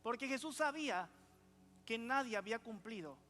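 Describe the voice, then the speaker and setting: A man's voice: extremely high pitch, moderate pace, over music. A male pastor preaching a conversational sermon in a church, keeping the congregation engaged with questions. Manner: lively preaching, asks the congregation for replies. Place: church sanctuary.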